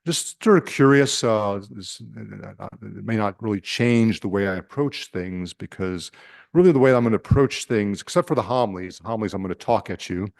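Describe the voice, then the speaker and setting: This Nebraskan-accented priest gives a group an informal retreat talk, stumbling through fillers and restarts and putting questions to the room. His male voice sits lowish, with lively intonation and a darkish tone, and there's no room sound.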